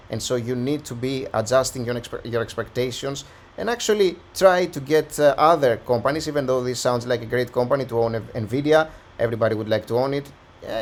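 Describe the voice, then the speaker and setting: A man who is slightly hoarse, host of a stock analysis channel, talking through a valuation in a conversational, think-aloud way. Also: mid-range voice. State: slightly hoarse, losing his voice. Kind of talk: casual stock analysis walkthrough.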